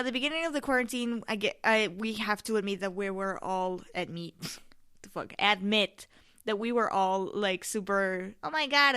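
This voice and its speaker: A woman's voice: fairly high pitch, sharp tone, smooth. A young adult woman hosting a casual solo podcast in a candid, slangy, emphatic and rambling way, often swearing. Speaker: podcast host.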